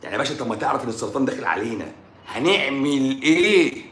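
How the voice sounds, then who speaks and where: Combative Egyptian man, bright echoey voice. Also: animated, very fast. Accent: Egyptian Arabic. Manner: mocking and combative, swinging between loud outbursts and low muttering. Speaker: doctor hosting a live stream. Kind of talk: heated live-stream rant answering comments.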